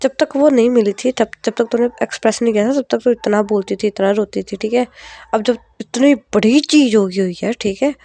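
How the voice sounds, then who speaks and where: A woman's voice: fairly high pitch, fairly quick, vocal fry, mellow, dry recording. Blunt young woman friend, chiding, dry sound, voiced by the narrator.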